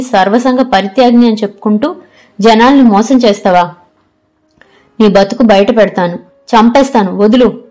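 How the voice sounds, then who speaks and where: A woman's voice: fairly high pitch, darkish tone, lightly acted. A woman reading the lines of a proud young heroine who scolds and defies her attacker. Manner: scolding, defiant.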